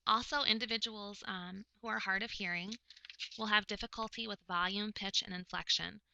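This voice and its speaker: Woman lecturing slowly with pauses, super bright voice w some fry, dry sound. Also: medium pitch, steady tone, no echo, poor audio. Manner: explanatory, measured, frequent pauses. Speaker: presenter explaining speech of the hard of hearing. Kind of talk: recorded lecture.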